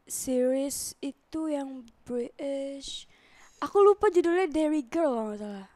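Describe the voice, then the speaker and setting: A woman's voice: sits high, a little slow, darkish tone, no room sound. Matter-of-fact woman guest from Pekanbaru. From Pekanbaru, Indonesia. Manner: explanatory, matter-of-fact, mixes in English words. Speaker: podcast guest. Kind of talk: casual podcast interview.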